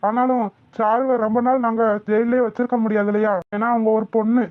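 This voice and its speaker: An actor voicing a calm police officer. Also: medium pitch, fairly quick, dry recording, lightly acted. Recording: tinny phone-like dry audio.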